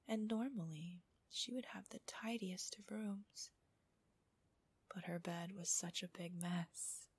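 A woman whispers softly and slowly in an intimate, teasing ASMR style. Her voice is very breathy and airy, with a crackle of fry at the edges. The sound is dry and close, and her pace is unhurried. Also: mid-range voice, no room sound. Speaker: host of erotic relaxation audios. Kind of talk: whispered ASMR audio narration for adults.

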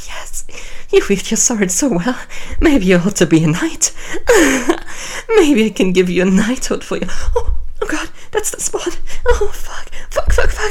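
In an intimate audio roleplay, a woman with a high-sitting voice voices a seductive, commanding queen. Her delivery is breathy, whispery and teasing.

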